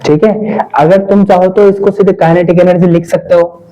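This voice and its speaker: A man's voice: high-pitched, level tone, moderate pace, mellow, rough recording. A male physics teacher lecturing a class, coaxing students by quizzing them with repeated questions and mixing his talk.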